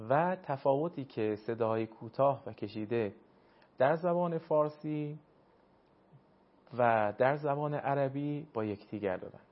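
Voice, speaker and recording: A man hosting a broadcast Quran lesson, explaining pronunciation politely and formally, sounding out sounds slowly. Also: mid-range voice, lo-fi sound. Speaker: Quran teacher and program host. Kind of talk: televised recitation lesson.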